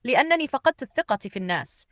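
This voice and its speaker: Woman voicing a calm, wise disguised rich man. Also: high voice, racing, dry recording, clean studio sound, voice pushed up. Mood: calm, weary.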